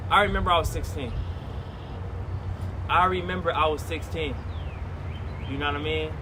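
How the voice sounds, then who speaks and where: A high-voiced man in his twenties rambles through a loose, casual outdoor vlog, circling back to the same phrases again and again. He is recorded on a phone, with cars and city noise rumbling clearly behind him. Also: steady tone, normal speed. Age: 20s. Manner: rambling, repeats phrases, colloquial. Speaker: streamer. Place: outdoors near traffic.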